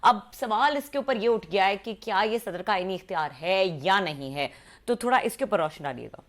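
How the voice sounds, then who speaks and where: A woman co-hosting a talk show, putting a brisk, direct question to the guest. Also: mid-range voice, lively intonation. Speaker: co-host.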